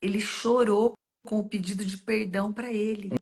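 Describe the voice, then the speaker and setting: A woman's voice: medium pitch, steady tone, normal speed, darkish tone. A woman hosting a faith-based conversation, telling stories earnestly and making heartfelt direct appeals to the listener. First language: Portuguese. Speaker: host.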